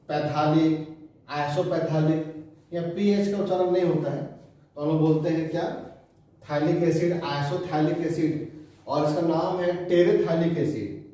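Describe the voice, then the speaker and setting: A man teaching chemistry, who repeats key terms slowly and asks his students questions. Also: on the high side, mellow. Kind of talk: classroom lecture. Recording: echoey room, voice from a distance.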